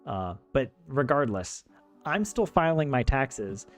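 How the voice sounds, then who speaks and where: In a slow, sing-song voice of medium pitch, a young man from the United States chats on a live stream about life abroad. He's a streamer who teaches Finnish, and he jokes and laughs often between fillers and restarts. Faint video game music plays behind him.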